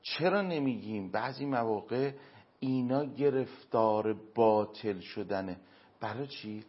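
A man answering as an interview guest, giving earnest moral and religious advice through everyday examples, with emphatic pauses. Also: medium pitch, lively intonation, husky. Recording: dull lo-fi recording.

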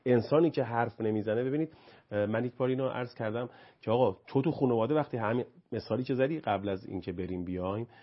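A man's voice: lowish voice, muffled recording. A man who teaches anger management, explaining his ideas in a talk-show conversation. He keeps asking and answering his own rhetorical questions and grows emphatic as he lists examples.

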